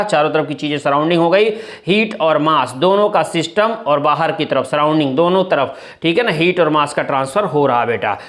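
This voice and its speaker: A male chemistry teacher giving a classroom lecture in with terms, calling students "beta" and asking and answering his own questions. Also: fairly high pitch. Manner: calls students "beta", asks and answers his own questions, often says "thik hai na".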